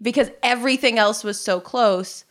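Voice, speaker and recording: A woman's voice: fairly high pitch, normal speed, a bit bright. A woman co-hosting a podcast in casual chat, talking in a chatty, filler-heavy way as she muses aloud. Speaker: podcast co-host.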